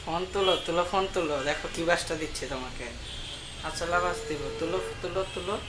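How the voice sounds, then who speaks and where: Over music, a young adult man with a Bangladeshi accent makes a casual prank phone call as a channel host, talking in slang sprinkled with English words. His voice is fairly high and quick, and the amateur call recording is noisy.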